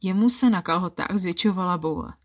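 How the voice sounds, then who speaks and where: Female podcast narrator, first-person erotic story, calm and intimate. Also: fairly low pitch.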